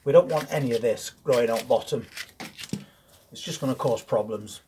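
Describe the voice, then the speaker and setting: An older man explains plant care plainly and practically. He talks straight to the camera from inside a greenhouse, with a voice of middling pitch. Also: normal speed, mellow, slight background noise. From England. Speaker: gardening channel host. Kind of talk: instructional gardening video. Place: greenhouse on an allotment.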